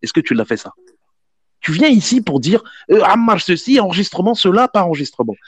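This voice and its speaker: A man argues in French suburban street slang, fast and repetitive, pressing his point again and again. His pitch swings widely, and the sound is close and dry. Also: big pitch swings, slightly rough, no room sound. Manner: insistent, repeats phrases. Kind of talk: heated casual debate on a livestream.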